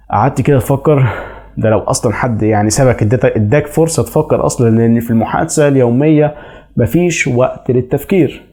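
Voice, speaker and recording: A man's voice: mid-range voice, warm tone. A man with an Egyptian Arabic accent giving chatty, reassuring advice as an English teacher in a casual explainer video.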